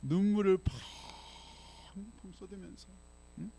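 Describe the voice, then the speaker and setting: Preaching in a church sanctuary, an older man speaks slowly in a high voice, telling his sermon as a series of chatty stories. He keeps asking the congregation "예?", and there's a lot of background noise.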